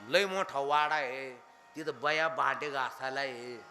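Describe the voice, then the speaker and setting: A man preaching a devotional kirtan sermon, animated and firing questions at his listeners, now and then chanting lines of verse. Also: mid-range voice, measured pace, background noise. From Maharashtra, India.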